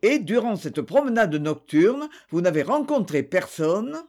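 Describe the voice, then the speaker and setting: A stern magistrate, read by a man, presses his questions in short, curt lines. The delivery stays lively in pitch, rising and falling, in an audiobook reading. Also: unhurried, full character voice. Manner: curt, interrogating. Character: stern male investigating judge, cold and probing.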